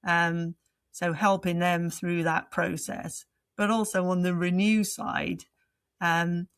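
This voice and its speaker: Thoughtful, low-voiced woman coach. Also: flat delivery, slow, clean tone, no room sound. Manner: thoughtful, searching for words. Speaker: leadership coach, guest. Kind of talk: reflective interview answers.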